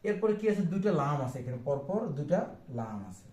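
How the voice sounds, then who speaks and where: A man teaching the Arabic alphabet to beginners, patient and repetitive as he goes over each letter. His voice sits a little high for a man and rings in an echoey room. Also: sing-song, a little fast, a little mellow. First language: Bengali. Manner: patient, repeats each point, mixes in English phrases. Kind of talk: explaining Arabic letters on a board.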